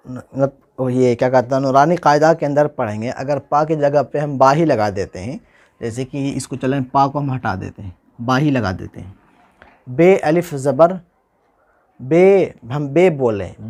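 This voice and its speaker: A man hosts his own channel and gives an informal lesson. His voice sits somewhat high. He works through the material patiently, repeating himself and spelling out sounds slowly. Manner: explains step by step, repeating and spelling out letters slowly. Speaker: teacher and channel host.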